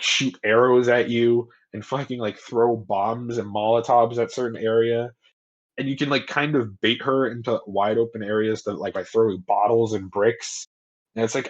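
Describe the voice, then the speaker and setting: A young man co-hosting a podcast in casual chat, retelling things in a rambling, profane way and slipping into quick mock voices. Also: medium pitch. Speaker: podcast co-host. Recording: slightly dull lo-fi audio.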